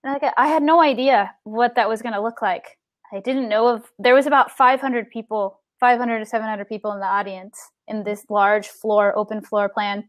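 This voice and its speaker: A woman's voice: mid-range voice, dry recording. A woman guest telling a personal story in a casual interview, acting out the voices of the people in it. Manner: animated, acts out the people in her story.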